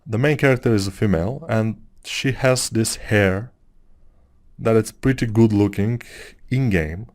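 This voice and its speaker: Narrating a 3D sculpting tutorial over his screen work, a Bulgarian man in his thirties rambles and muses casually, with plenty of fillers. He has a Bulgarian accent and a lowish, somewhat mellow voice, and he is in no hurry.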